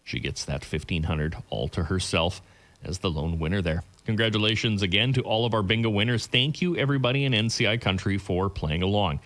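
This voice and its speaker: A man working as a radio bingo caller, announcing the game and numbers clearly and repeating key details. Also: lowish voice, brisk, a bit bright.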